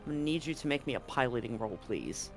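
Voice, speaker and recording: A man acts as game master, narrating a tabletop roleplaying game in a conversational, explanatory way. His voice is medium-pitched, expressive and fast, with music playing under it.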